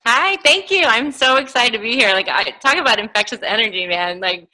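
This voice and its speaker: An energetic woman guest speaks in an interview with a bright, forward tone. She laughs often and now and then clears a slight frog in her throat. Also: fairly high pitch, fairly quick, low-quality recording. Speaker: guest, lawyer and coach. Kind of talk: interview conversation.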